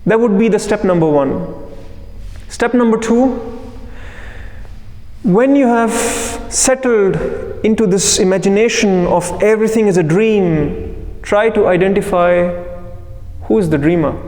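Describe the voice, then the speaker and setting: A man teaching guided meditation in unhurried phrases with frequent pauses, as an instructor to a group. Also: high-pitched, darkish tone. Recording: echoey room with long reverb.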